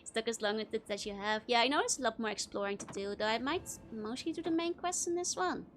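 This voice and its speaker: A woman's voice: a little high, fast. A woman streamer giving casual, wry, giggly live commentary on a video game. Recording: clearly noisy, game sound behind. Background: video game sounds.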